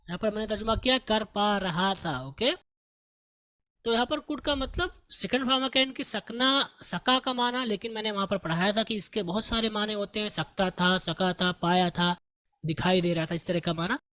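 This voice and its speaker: A man with an Indian accent teaching an English text line by line, reading each quoted sentence slowly word by word and then explaining it patiently. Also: high voice, bright, forceful tone, no room sound.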